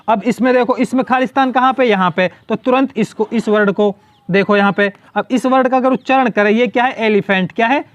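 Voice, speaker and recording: A man's voice: high-pitched, dry recording. A male teacher explaining English grammar in Hindi, asking a question and then answering it himself, repeating the key word.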